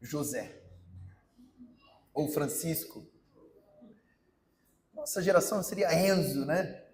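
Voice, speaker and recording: A man's voice: fairly high pitch, lively intonation, slow, darkish tone, slight background noise. A man with a Brazilian Portuguese accent preaching a sermon, telling a story and urging his listeners directly.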